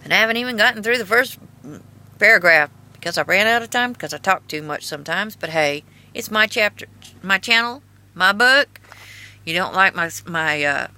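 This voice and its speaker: A woman with a folksy Appalachian hillbilly twang and a very bright, forceful voice. She reads aloud casually in a halting, earnest manner, breaking off for spoken asides. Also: medium pitch, expressive. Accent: Appalachian-style hillbilly twang. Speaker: video host and author reading own memoir.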